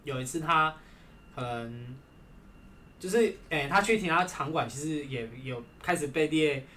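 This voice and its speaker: A man's voice: a little high, a little slow. A man, casually telling stories from his gym job, often agreeing with "对". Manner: relaxed storytelling with frequent "对". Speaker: gym employee sharing stories. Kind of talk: casual podcast chat. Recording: faint background noise.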